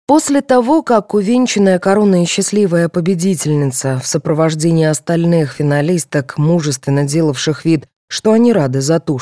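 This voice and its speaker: Lively woman reading an audiobook. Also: no room sound, clean studio sound. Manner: lively reading that voices each character with raised pitch. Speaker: audiobook narrator. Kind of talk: audiobook reading of a detective novel.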